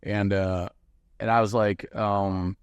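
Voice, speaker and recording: A middle-aged man with a very low voice tells a story bluntly and with plenty of swearing. He sounds animated and frank, like a former military chief talking with a friend. The recording is dry and close. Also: slow, clear, resonant tone, no room sound. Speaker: guest, former bomb disposal chief. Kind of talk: casual storytelling conversation.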